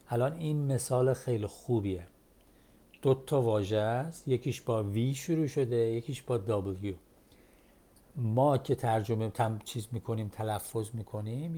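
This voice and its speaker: A male English teacher who speaks Persian as his first language, explaining pronunciation step by step and repeating phrases slowly. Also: medium pitch, dark tone. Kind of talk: textbook English lesson.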